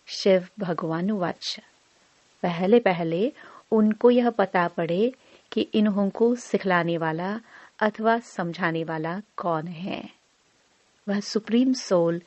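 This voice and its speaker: A woman reading a devotional discourse aloud in a slow, measured recitation. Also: mid-range voice, a little mellow, no room sound. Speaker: murli reader. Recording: dry, dull lo-fi voice recording.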